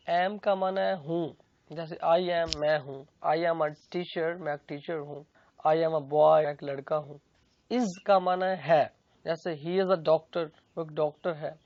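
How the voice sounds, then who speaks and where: A Pakistani-accented teacher with a gravelly, mid-range, darkish voice works through a grammar lesson without hurrying, repeating each phrase and giving its translation. There's no echo, but the recording sounds dull and lo-fi.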